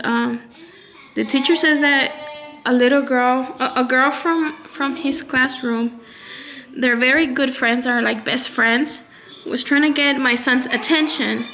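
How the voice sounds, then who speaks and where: A mother talking in a personal vlog, holding back tears, halting and frustrated, with many restarts. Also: high-pitched, fairly bright tone. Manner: halting, hesitant, full of restarts; frustrated and upset. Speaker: mother vlogger.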